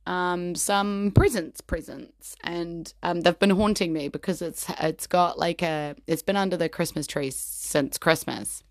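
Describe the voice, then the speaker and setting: A New Zealand woman in her thirties talks in a low, croaky voice full of fry. She is hoarse and rambles casually as a host chatting to her followers. The sound is dry, with very little room in it. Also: normal speed, hardly any pauses, dry recording. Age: 30s. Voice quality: croaky, gravelly. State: hoarse, voice nearly gone from partying. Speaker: host of a personal episodic show.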